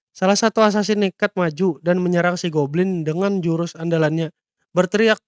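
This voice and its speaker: Narrator: man, high voice, playful comic recap delivery. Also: smooth, no room sound, studio quality. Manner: lively, playful slang.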